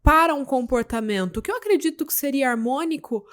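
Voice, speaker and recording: A woman's voice: high-pitched, expressive, fast talker, fairly bright tone. A woman co-hosting a podcast, talking thoughtfully and often adding little question tags. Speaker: podcast co-host. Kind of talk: reflective podcast talk.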